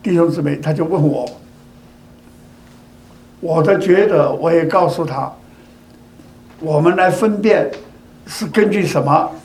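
A man's voice: on the high side, measured pace, pauses often, darkish tone. An older man giving a sermon, speaking in repeated phrases and asking rhetorical questions such as whether the listeners agree. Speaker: preacher. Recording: echoey room.

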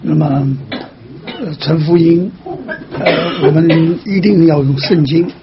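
Over a muffled, lo-fi line with crowd noise behind him, a pastor with a slightly high voice counsels a caller. He teaches patiently, setting out each point slowly and gently checking in along the way.

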